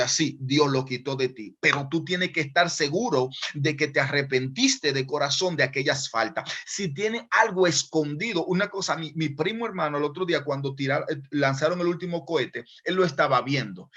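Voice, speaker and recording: Guy preaching hard, kinda high voice, acts out little back-and-forths, muffled lo-fi audio. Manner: emphatic, acts out dialogues, swings from loud to hushed. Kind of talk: sermon. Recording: dull lo-fi sound.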